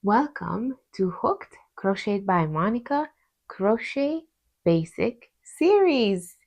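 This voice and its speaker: A woman with a Hungarian accent hosts a crochet tutorial on her channel, explaining things slowly in a mid-range, sing-song voice with a darkish tone. She's chatty and friendly, tossing in playful asides.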